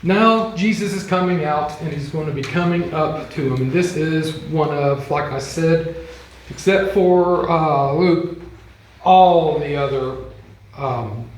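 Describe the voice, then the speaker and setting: Slow, roomy-sounding man teaching Bible class. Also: a little high, slight background noise. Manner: chatty, loose, with frequent ums and acted-out quotes. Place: church classroom. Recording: echoey room.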